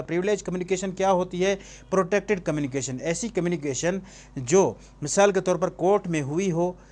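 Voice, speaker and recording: A law teacher with a Pakistani accent gives an informal exam-prep lecture in a slightly high, somewhat mellow voice. He keeps asking the listener rhetorical questions and answering them himself, switching between Urdu and English terms as he explains.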